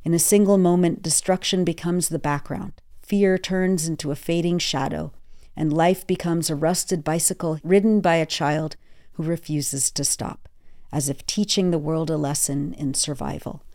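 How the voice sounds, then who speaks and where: A woman hosting a newscast, reading quoted accounts in a measured, earnest way. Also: sits low, fairly even intonation, darkish tone. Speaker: news host. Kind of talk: scripted news narration.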